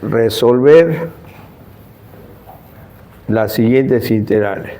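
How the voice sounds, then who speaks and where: Slow-dictating male math lecturer. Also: medium pitch, dark tone. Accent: Peruvian Spanish. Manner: slow, deliberate dictation of formulas, frequent tag questions. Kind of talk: classroom lecture.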